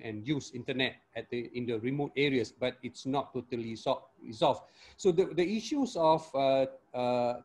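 A man's voice: mid-range voice, a little mellow. A man, speaking as a panelist in an academic discussion over a video call, hesitant with many fillers and tag questions. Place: home room with virtual background. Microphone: earphone mic on video call.

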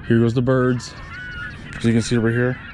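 A man vlogging from a kayak, giving relaxed, casual commentary to the camera between casts, recorded on a chest-mounted action camera outdoors. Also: medium pitch, fairly quick, background noise. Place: on a kayak out on open water.

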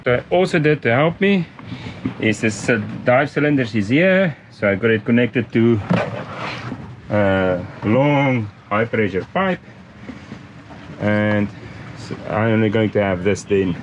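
A man's voice: lowish voice, a little slow, long pauses. A man in his fifties explaining a boat cleaning job in a casual vlog, step by step, aboard a catamaran and filmed on a close-held action camera. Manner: plain, step-by-step explaining with restarts. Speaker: sailing vlogger. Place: aboard a catamaran, outdoors on deck. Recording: noisy outdoor boat recording.

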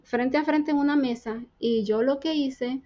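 A woman's voice: high voice, unhurried, mellow, muffled recording. A woman from the Dominican Republic with a Dominican Spanish accent, earnestly telling her faith testimony as a guest and acting out the dialogue she recounts.

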